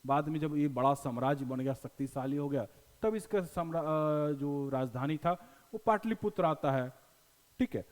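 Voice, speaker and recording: A man with a Bihari accent teaching a class in a slightly high voice. He talks in a folksy way, slips into local dialect, and keeps asking the class questions before answering them himself. The recording has a long, echoing reverb. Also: normal speed. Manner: explains with repeated questions and answers. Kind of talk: classroom lecture.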